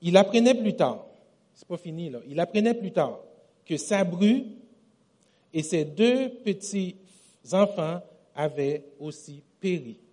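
A man preaching a sermon with a Quebec French accent, telling stories in an animated way and often repeating and correcting himself. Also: sits high, takes it slowly, pauses often. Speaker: pastor.

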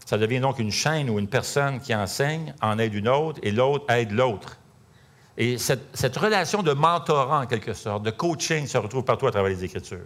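A middle-aged pastor with a Québécois French accent preaching in a relaxed, chatty way. He tells stories from the pulpit with frequent fillers and asides. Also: mid-range voice, normal speed. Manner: conversational, storytelling, many fillers. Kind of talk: sermon.

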